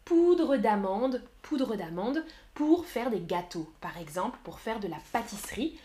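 Slow, clear-spoken French teacher woman. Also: on the high side, very animated, warm tone. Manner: chats with viewers in the chat. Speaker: French teacher streaming live. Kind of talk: live-stream language lesson.

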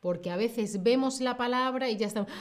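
A woman's voice: a little high, a little fast. A woman from Spain teaching Spanish pronunciation in a live online lesson, patient and encouraging, stretching out sounds to demonstrate them.

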